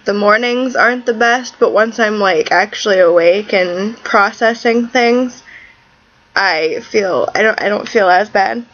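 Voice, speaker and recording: A woman's voice: mid-range voice, unhurried, a bit bright, highs cut off. A woman recovering from tonsil surgery with a sore throat, talking bluntly and with exasperation in a casual video diary. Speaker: vlogger.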